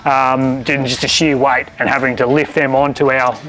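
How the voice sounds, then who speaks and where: A man's voice: mid-range voice, flat delivery, normal speed, fairly bright tone, soft background music, rough recording. An Australian man, a builder, explaining things casually and practically as he presents a site walkthrough. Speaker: builder co-hosting a home-building show.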